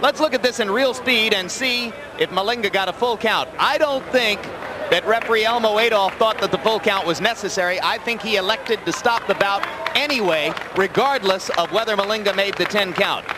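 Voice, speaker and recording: A man's voice: high-pitched, normal speed. A man giving emphatic, articulate live boxing commentary as a broadcaster. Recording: noisy arena broadcast over loud crowd. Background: loud crowd noise.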